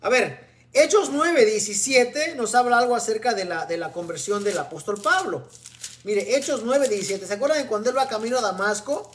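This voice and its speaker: A preacher mid-sermon who reads scripture aloud and then breaks it down for the congregation. The voice sits at an ordinary middle pitch, neither high nor low. The speaker keeps turning to the listeners with a questioning "¿verdad?". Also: lively intonation, normal speed, fairly bright tone. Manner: often asks the listeners "¿verdad?". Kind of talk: sermon with Bible reading.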